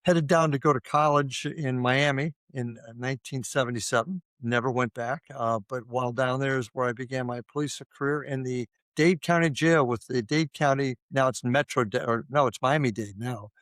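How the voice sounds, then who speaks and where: A man's voice: mid-range voice, fairly even intonation, moderate pace, hardly any pauses, a bit bright, no room sound. An older man from Ohio, a retired police officer, talking casually as a guest with lots of fillers and restarts. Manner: rambling with many fillers and restarts. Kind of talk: casual interview conversation.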